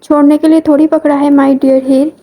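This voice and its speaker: A woman's voice: sits high, level tone, brisk, warm tone, natural voice. A woman voicing a smug, possessive young man who speaks in a domineering way.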